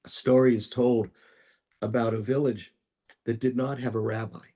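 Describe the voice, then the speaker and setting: A man who is a rabbi, telling a parable in a measured way and slowing down for key lines. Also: mid-range voice, level tone, dark tone. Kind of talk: storytelling teaching.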